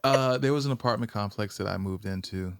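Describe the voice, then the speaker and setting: A man's voice: fairly low pitch, a little fast, clear, resonant tone, no room sound. A man hosting a podcast from Georgia, chatting casually and teasing his guest. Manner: teasing, playful trash talk. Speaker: podcast host. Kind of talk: casual chat.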